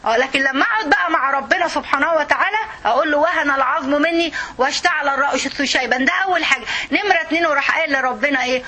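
A woman's voice: high-pitched, bright, forceful tone, slight background noise. An older woman with an Egyptian Arabic accent giving a conversational, emphatic religious lesson and often checking in with her listeners. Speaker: religious teacher.

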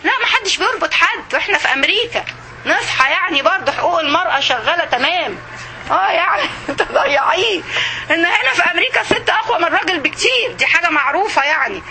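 A middle-aged woman with an Egyptian accent giving an informal religious lesson, lively and conversational, speaking straight to her listeners. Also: very high voice, very fast, slight background noise. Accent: Egyptian Arabic. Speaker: religious teacher.

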